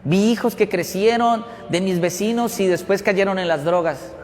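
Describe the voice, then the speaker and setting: A middle-aged man preaching a sermon as pastor, telling stories with lively swings between loud and hushed delivery. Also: high-pitched, normal speed. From Colombia. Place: church hall. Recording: church hall reverb with faint room noise.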